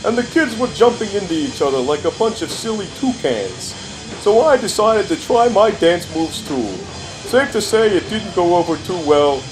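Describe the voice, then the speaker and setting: Grumpy older man, high-pitched and animated. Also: moderate pace, rough recording. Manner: grumpy old-man complaining, folksy, dry exaggeration. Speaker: comic commentator. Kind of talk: comic narration over festival videos. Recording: music behind the voice.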